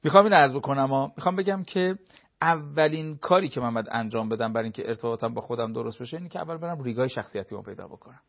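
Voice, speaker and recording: On a talk show, a man gives advice, illustrating his points with everyday examples and short acted-out dialogues. His medium-pitched voice has lively intonation and some creak, and the recording is muffled.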